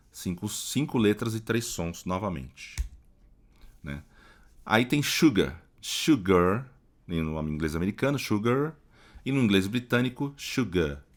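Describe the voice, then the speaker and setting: A man teaching English phonetics in Portuguese, explaining patiently and repeating example words slowly, often checking in with the listener. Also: deep voice.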